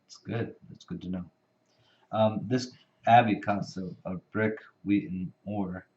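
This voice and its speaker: Deep-voiced man patiently explaining rules. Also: steady tone, measured pace, a little mellow. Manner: patient, explanatory, with many fillers. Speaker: experienced player explaining rules. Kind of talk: casual board game chat. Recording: dull lo-fi recording.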